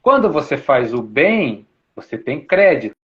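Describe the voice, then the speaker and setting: A man with a fairly high voice gives an informal spiritual talk, explaining his ideas patiently and circling back to repeat them. He keeps checking in with little tag questions. The recording is dull and lo-fi. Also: very animated, measured pace. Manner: repetitive, explanatory, uses many tag questions. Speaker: spiritual speaker. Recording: dull lo-fi sound.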